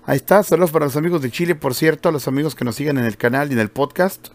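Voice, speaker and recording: A man's voice: on the high side, rapid-fire. A man who hosts a tech channel, chatting casually as he demonstrates screen-reader voices and explains what he hears. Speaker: tech channel and podcast host.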